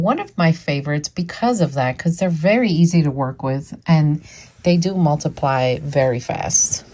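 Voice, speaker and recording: A woman's voice: low-pitched, a little mellow. A woman hosting her worm farming channel, chatting with enthusiasm and the hiccups, outdoors at her worm bins. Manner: chatty and enthusiastic, with fillers and repeats. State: has the hiccups. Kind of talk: casual vlog chat.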